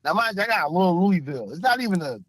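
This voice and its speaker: A man's voice: sits high, sing-song, racing, no echo. A man telling a story in casual podcast chat, emphatic and profane, laughing often. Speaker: podcast co-host.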